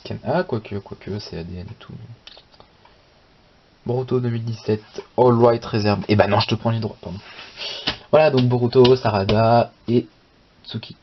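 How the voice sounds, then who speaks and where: A young man hosts a casual unboxing chat, rambling, talking to himself and dropping light swear words as he flips through pages. His voice sits at a middling pitch for a man. The recording sounds a little muffled, with clear steady noise behind him. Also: normal speed, pauses often. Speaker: manga channel host.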